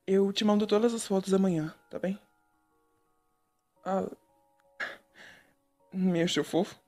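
A man voicing a shy, sweet young male photographer in a whispered role-play, talking softly and bashfully to the listener. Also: high voice, steady tone, measured pace, faint music behind. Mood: gentle. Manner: soft, gentle and bashful, addressing the listener.

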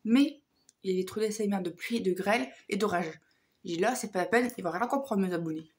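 A woman vlogger with a hoarse voice chatting casually through a shopping haul, hesitant and full of fillers. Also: mid-range voice, a little fast.

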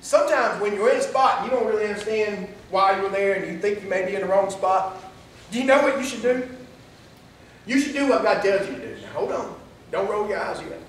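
A man with a very high voice preaches a casual, conversational sermon, often turning to the congregation with "right?". He is picked up from a distance, and the church hall rings with heavy echo under a faint background hiss. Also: lively intonation, a little fast. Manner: conversational, with frequent "right?" and "here's the thing". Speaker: pastor. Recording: echoey hall, distant mic.

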